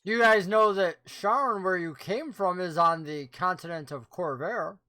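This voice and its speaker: A woman's voice: fairly low pitch, measured pace, pushed and bright. A woman acting as game master, narrating a tabletop fantasy game in an improvised, conversational way.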